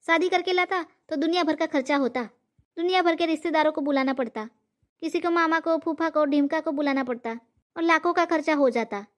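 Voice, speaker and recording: A woman voicing a cheeky young cartoon man who brags and coaxes, lazy and full of himself. His voice is pitched high for a grown man. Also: fairly quick, lightly acted. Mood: cheeky explaining. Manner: boastful, coaxing. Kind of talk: cartoon comedy voice acting.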